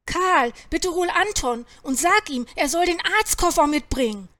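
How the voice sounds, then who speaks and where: A woman's voice: extremely high pitch, animated, a little slow, fairly bright tone, pitched above the performer's own voice, heavily acted. A woman voicing a kind, earnest little boy pleading for help in a storybook. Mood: urgent.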